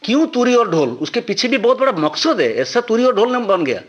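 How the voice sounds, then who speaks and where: A man explains things patiently, like a teacher working through each step. His voice sits high for a man and swings widely up and down. He speaks as a musician guest in an interview. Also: sing-song, a little fast, muffled recording.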